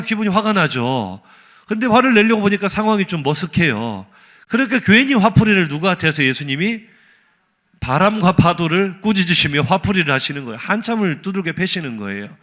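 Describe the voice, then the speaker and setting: A male pastor preaching a sermon in a church, animated and humorous, firing rhetorical questions at the congregation. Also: high-pitched. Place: church sanctuary.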